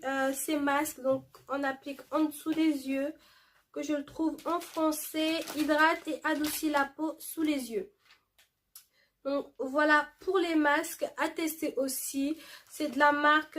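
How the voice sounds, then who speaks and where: A woman's voice: high-pitched, fairly bright tone, slight background noise. A woman chatting casually to camera in a beauty haul video, reading product labels aloud with lots of fillers. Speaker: beauty vlogger showing a shopping haul.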